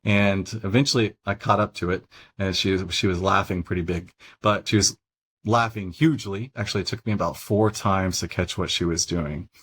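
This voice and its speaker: A middle-aged man coaching front desk staff in a loose, chatty way, his voice sitting a little low. He drifts into offhand asides as he explains. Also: normal speed, slightly rough. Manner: conversational and relaxed, frequent "you know" asides. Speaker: phone trainer. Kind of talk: casual training talk.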